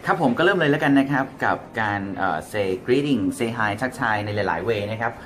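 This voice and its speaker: A man's voice: mid-range voice, expressive, moderate pace, fairly bright tone, slight background noise. A man with a Thai accent, a native Thai speaker, giving a casual English lesson and acting out example greetings. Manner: switches between English and Thai, acts out example phrases. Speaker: English teacher.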